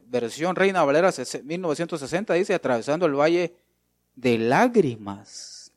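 A man's voice: medium pitch, no room sound. A man preaching a sermon, emphatic, repeating his phrases and calling out to the congregation.

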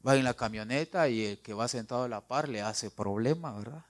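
A man's voice: mid-range voice, fairly quick. A man preaching a sermon, emphatic, repeating phrases and asking the congregation "right?". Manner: acts out quoted voices with sharp swings in loudness.

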